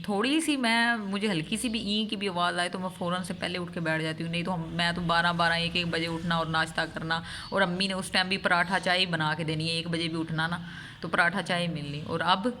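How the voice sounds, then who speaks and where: Earnest, bright-voiced woman vlogger. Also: fairly low pitch, fairly even intonation, a little hiss or hum. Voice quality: earnest and emphatic, piling up repeated phrases. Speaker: vlogger and mother. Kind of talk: heartfelt vlog monologue.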